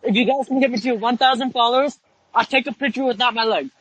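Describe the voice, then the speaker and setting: A man's voice: very high-pitched, fast, a bit bright, no echo, poor audio. A man in casual online banter with a pleading manner, often addressing others as bro. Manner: pleading, repeatedly says bro.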